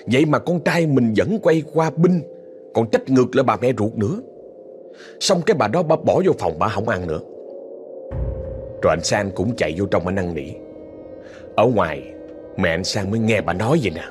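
With music playing behind him, a man with a Southern Vietnamese accent spins a ghost story conversationally, addressing listeners directly and adding indignant remarks. His voice is fairly low with lively intonation, normal pace, and frequent pauses.

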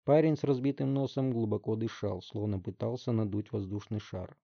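A man narrating a story as an audiobook in an even, steady manner. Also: on the low side, a little fast, no echo, highs cut off.

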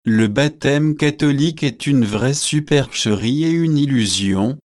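A man's voice: mid-range voice, darkish tone, no echo, studio quality, natural voice. A man reading a stiff, easily shocked young man. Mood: indignant. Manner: slow, measured delivery.

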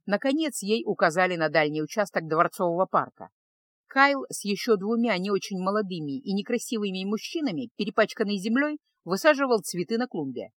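A woman narrating a fantasy audiobook in an even, measured reading. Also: mid-range voice, no room sound. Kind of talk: scripted narration.

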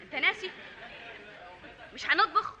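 A bright, lively voice of an Egyptian wife in an old radio comedy. She nags and coaxes her lazy husband, scolding him about manners. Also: very high voice, moderate pace, muffled recording, a faint crowd, a little hiss or hum, heavily acted. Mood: coaxing. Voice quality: scolding, coaxing. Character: nagging, proper young wife. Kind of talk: vintage radio comedy sketch.

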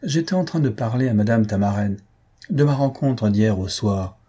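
A man reading aloud and voicing a grumpy, irritable older husband who blusters and shouts sarcastically. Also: fairly low pitch, animated, normal speed, husky. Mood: grumbling.

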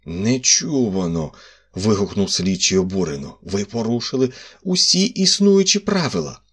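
A man voicing a fussy, sentimental older examining magistrate with a husky voice and an officious manner. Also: deep voice, animated, measured pace, heavily acted. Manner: indignant, then indulgent.

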